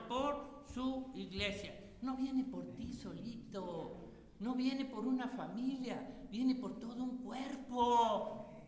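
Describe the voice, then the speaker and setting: A man preaching a lively sermon, his tone bright and forceful. He keeps throwing rhetorical questions at the congregation. His voice rings through a hall with a long, echoing reverb. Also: extremely high pitch.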